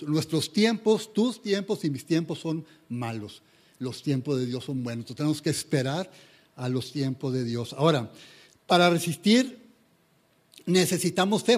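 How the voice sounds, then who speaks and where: Pastor mexicano de voz algo aguda. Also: male voice, a little high, a little mellow. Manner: earnest, conversational preaching with frequent restarts and stumbles. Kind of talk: sermon.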